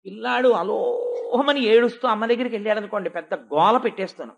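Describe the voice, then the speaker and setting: A man giving a devotional sermon, telling a sacred story and swinging from hushed tones to emphatic ones, slowing down for stress. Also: high-pitched, creaky, highs cut off. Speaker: devotional discourse speaker.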